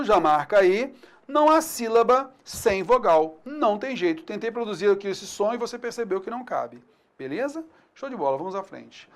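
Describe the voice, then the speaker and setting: A man with a Brazilian accent teaching a video lesson, chatty and often checking in with the viewer, sounding out syllables slowly. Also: high voice.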